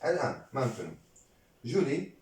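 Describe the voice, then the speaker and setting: A man teaching a lesson, slowly repeating each word and mixing in French phrases. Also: mid-range voice, very animated, darkish tone. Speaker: Arabic teacher. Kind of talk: slow, patient classroom lesson. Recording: roomy, from a distance.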